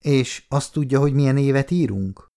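A man reading an audiobook, voicing a calm, reassuring young female hospital nurse who asks gentle questions. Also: mid-range voice, pitched above the performer's own voice, lightly acted.

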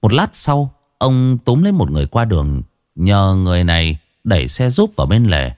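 Expressive male ghost-story narrator, lively. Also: sits low, moderate pace, no echo, clean studio sound. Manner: expressive, dramatic reading.

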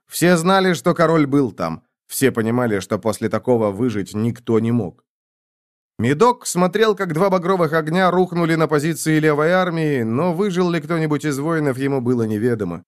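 A man reading a fantasy audiobook aloud, voicing all the characters himself and shouting their battle orders. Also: mid-range voice, lively intonation, moderate pace. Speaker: audiobook narrator.

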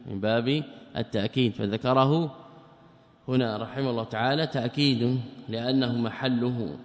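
A man's voice: medium pitch, a little mellow. A man teaching a classical religious lesson as a sheikh, asking his students questions, answering them himself and reciting grammar verses from memory. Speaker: sheikh teaching a creed commentary. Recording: long hall reverb.

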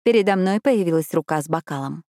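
A woman narrating a first-person story in a steady, even reading voice. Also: sits low, fast talker, no echo, clean studio sound. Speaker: audiobook narrator.

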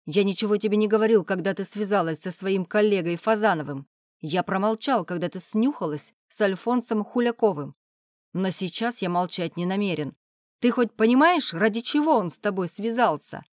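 A woman voicing a stern, angry elderly father in a wheelchair who shouts with scorn. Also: medium pitch, lively intonation, normal speed, dry recording, clean studio sound, lightly acted. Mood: indignant.

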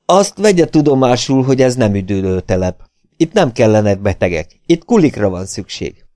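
A man voicing a brusque, unfeeling male plantation worker who talks in a gruff, dismissive way. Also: medium pitch, big pitch swings, mellow, no room sound, pitched above the performer's own voice, natural voice. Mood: scornful.

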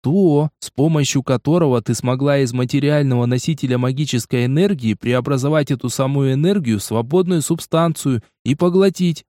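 A man's voice: mid-range voice, brisk, hardly any pauses, mellow, dry recording, studio quality, lightly acted. A man playing an impatient, exasperated young game player in a storybook reading. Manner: blunt, exasperated questioning.

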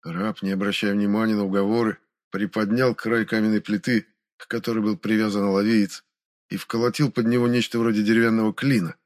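Brief: male audiobook narrator, steady and measured delivery. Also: on the low side. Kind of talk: scripted fantasy narration.

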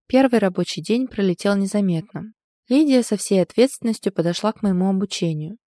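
A woman reading first-person audiobook narration in a measured, calm storytelling manner. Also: medium pitch, no echo, studio quality.

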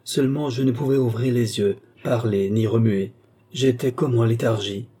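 Male reader voicing a young woman in a trance, flat monotone, warm husky tone. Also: medium pitch, normal speed, close to an everyday voice. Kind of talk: audiobook character reading.

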